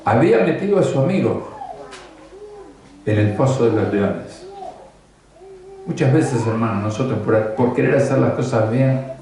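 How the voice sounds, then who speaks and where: A man's voice: medium pitch, animated, unhurried, pauses often, dark tone. A man preaching a sermon as pastor, conversational and often asking rhetorical questions. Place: church hall. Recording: very echoey church, voice from far off.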